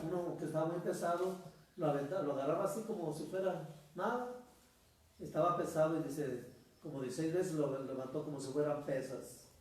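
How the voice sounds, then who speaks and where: A man's voice: on the high side, darkish tone. A man preaching a sermon as a priest, telling a story and calling his listeners brothers. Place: church. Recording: echoey church from far off.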